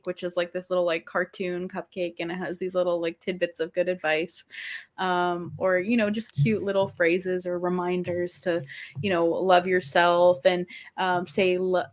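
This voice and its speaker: A woman co-hosting a podcast, chatting casually with lots of fillers and restarts. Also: lowish voice. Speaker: podcast co-host. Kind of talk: casual chat.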